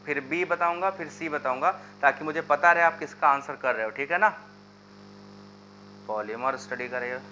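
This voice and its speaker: A man runs a live chemistry class, slipping into his talk and pushing students to answer in the comments. His voice is bright and a little high. The recording is dull and lo-fi, with a faint hum underneath. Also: moderate pace. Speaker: chemistry teacher. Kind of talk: live online chemistry lesson.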